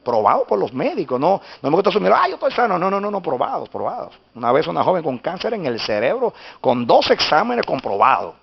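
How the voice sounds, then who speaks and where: A man's voice: a little high, sing-song, a little fast, gravelly, hardly any pauses, husky. A male pastor telling a story in a sermon, emphatic and insistent, repeating himself for weight. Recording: dull lo-fi sermon recording.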